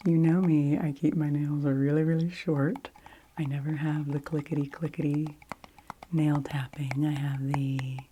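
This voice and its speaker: A middle-aged woman whispering softly into a close microphone, rambling casually in an ASMR video. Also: low voice, background noise. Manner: soft, unhurried whisper with chatty asides. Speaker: ASMR creator.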